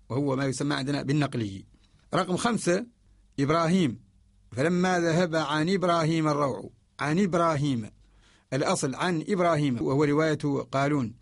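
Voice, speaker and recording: A man giving a radio lesson on Quran orthography, explaining a verse text and slowing down to recite the example verses. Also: fairly high pitch, vocal fry, no room sound, studio quality. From Mauritania. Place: radio studio.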